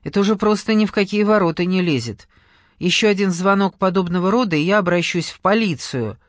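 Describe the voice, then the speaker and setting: A man's voice: high voice, normal speed, dry recording, clean studio sound, lightly acted. A man voicing a young woman on the phone, curt and brusque, plainly exasperated with the caller. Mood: harsh. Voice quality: clipped, brusque. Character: sharp-tongued young woman, hostile then grudging.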